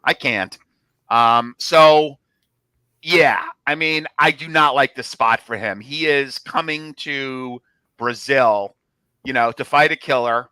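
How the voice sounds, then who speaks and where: A man's voice: mid-range voice, takes it slowly, bright, forceful tone, smooth, no room sound. A man with a New Jersey accent, co-hosting a casual sports podcast with chatty, joking asides. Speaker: podcast co-host.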